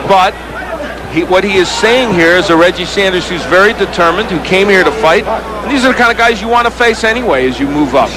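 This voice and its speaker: A man giving analytical live boxing commentary as a color commentator from a loud arena. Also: high-pitched, expressive, fairly quick. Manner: analytical, explanatory. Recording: loud crowd and arena noise.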